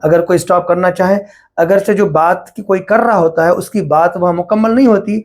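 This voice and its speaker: Patiently working through a whiteboard lesson, a man from Pakistan teaches the Quran, mixing English terms into his explanations. His Pakistani-accented voice sits high and holds a steady tone.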